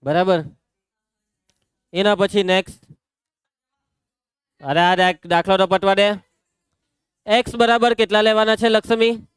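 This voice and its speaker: Man, Gujarati accent, maths teacher, high smooth voice, dry close sound, teasing classroom talk. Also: no room sound. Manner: calls out students by name, brisk and teasing. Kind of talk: classroom lesson.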